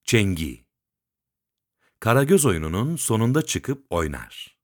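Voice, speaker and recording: Slow, lively-pitched man reading a lesson. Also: no room sound, clean studio sound. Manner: measured, list-like reading with pauses. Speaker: teacher reading a textbook. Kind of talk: reading a textbook lesson aloud.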